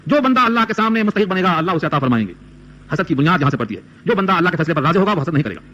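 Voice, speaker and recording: High-voiced man giving a Quran lecture. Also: very animated, bright, forceful tone. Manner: recites Arabic verses, then explains them in Urdu with rhetorical questions. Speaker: Quran teacher.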